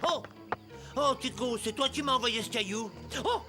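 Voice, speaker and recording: A man's voice: extremely high pitch, moderate pace, music in the background. A man voicing a timid, fussy male cat sidekick in a cartoon dub. He frets, yelps and scolds his friend. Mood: frightened. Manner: fretful and easily frightened, scolding when upset. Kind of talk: cartoon dubbing.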